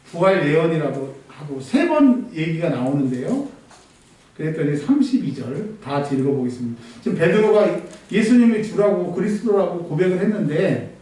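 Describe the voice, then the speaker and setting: 교회 예배당에서 설교하는 높은 톤의 목사, 울림이 큰 남자 목소리. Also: male voice, on the high side. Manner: animated preaching, acting out voices and scolding, laughing often. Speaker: pastor. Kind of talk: sermon. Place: church sanctuary. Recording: very echoey hall, mic at a distance.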